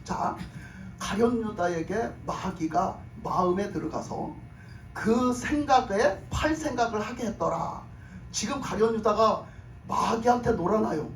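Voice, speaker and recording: A woman pastor giving an emphatic sermon, firing off rhetorical questions and rising to shouts. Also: mid-range voice, expressive, unhurried. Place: church sanctuary. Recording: echoey hall, mic from a distance, faint room noise.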